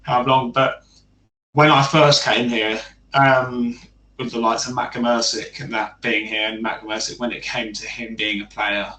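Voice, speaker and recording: A man's voice: mid-range voice, level tone, moderate pace, bright, forceful tone, slight background noise. A man chats as a fan guest on a podcast, circling his point with fillers and restarts. He sits away from the mic, and the room rings with echo. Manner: hesitant, rambling, many fillers. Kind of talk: casual podcast chat. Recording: echoey room, distant mic.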